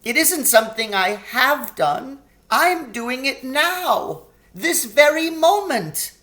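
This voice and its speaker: A man's voice: very high-pitched, sing-song, slow pace, pushed and bright, pitched above the performer's own voice, full character voice. A man voicing a timid, kind male faun in a storybook, weepy and guilt-ridden, pleading in an anguished stammer. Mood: guilty, distraught.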